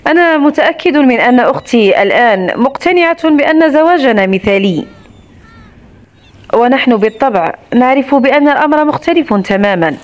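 A woman's voice: sits high, expressive, brisk, dull audio. Woman voicing a sardonic controlling husband. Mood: mocking. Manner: mocking, softly menacing.

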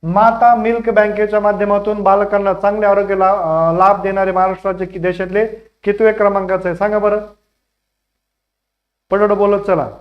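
High-voiced man teaching an exam class. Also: flat delivery. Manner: rapid, coaxing, keeps urging students to answer fast; calls students "children" affectionately. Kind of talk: live online exam-prep class. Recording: dull lo-fi stream audio.

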